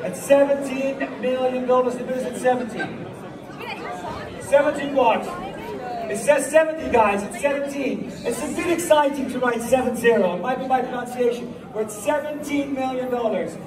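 Male auctioneer, rapid bid calling, distant echoey hall, loud crowd. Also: very high-pitched. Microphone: PA speakers heard from a phone in the crowd. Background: loud excited crowd.

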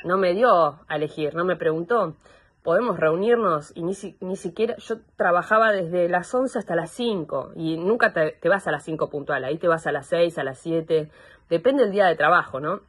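A young woman with an Argentine accent gives personal testimony over a video call, halting and searching for words. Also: on the low side, husky. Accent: Argentine Spanish. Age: young adult. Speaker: complainant in a psychological assessment.

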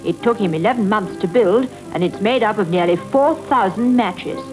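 A woman's voice: medium pitch, moderate pace, music in the background, poor audio. Woman narrating a 1950s newsreel.

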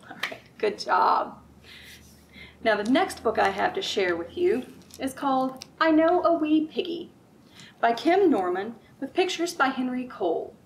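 A middle-aged woman reads to and chats with young children at a library storytime, using a high voice with big pitch swings at a slightly slow pace. Her language stays simple, and she often asks her listeners easy questions. The audio, from a distant mic, carries room noise from the bookshelf-lined room.

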